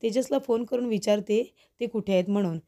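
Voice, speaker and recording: A woman's voice: medium pitch, brisk, dark tone, lightly acted. A woman voicing a tearful young woman employee in a serial recap, reading her lines politely and pleadingly.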